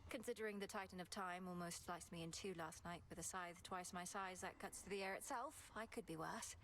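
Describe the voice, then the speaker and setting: A woman's voice: fairly low pitch, a little fast, a bit bright, slight background noise. A woman voicing an earnest, resolute young witch princess in a video game, speaking formally and thoughtfully. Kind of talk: video game character acting.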